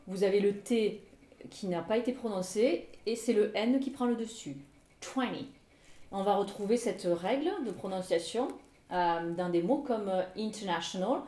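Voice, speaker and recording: A woman explains pronunciation in a lesson, pausing often on fillers and repeating each example word twice. Her voice is mellow and soft-edged. The room adds a clear echo. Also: medium pitch. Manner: hesitant with many fillers, demonstrates words twice. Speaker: English teacher.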